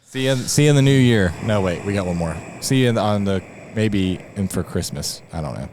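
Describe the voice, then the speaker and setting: A man co-hosting a casual podcast chat, joking and laughing often, breaking into loud bursts. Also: on the low side, animated, brisk, a little hiss or hum. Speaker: podcast co-host.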